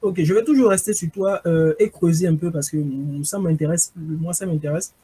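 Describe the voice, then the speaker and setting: High, husky Beninese French interviewer. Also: male voice, moderate pace, warm tone, no room sound. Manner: curious, teasing. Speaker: interviewer host. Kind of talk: casual interview questions.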